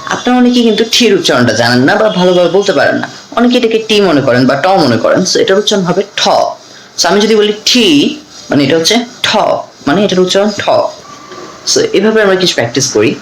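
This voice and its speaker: A man giving a beginners' English pronunciation lesson, saying practice sentences very slowly and clearly. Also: high voice, big pitch swings. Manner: slow drawn-out model sentences for practice. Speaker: English teacher. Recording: echoey room with faint noise.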